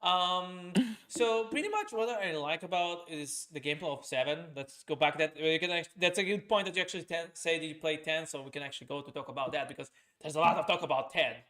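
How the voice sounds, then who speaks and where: With a forceful, bright tone on the high side, this man talks briskly and barely pauses, rambling in a raised voice during casual chat as a streamer and podcast host, often restarting and using fillers.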